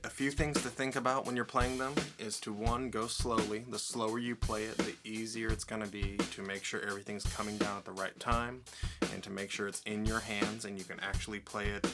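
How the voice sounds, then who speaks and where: A man's voice: on the low side, flat delivery, brisk, loud music behind the voice. A young man teaching drum set, explaining step by step and counting beats aloud in an upbeat way. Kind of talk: instructional lesson.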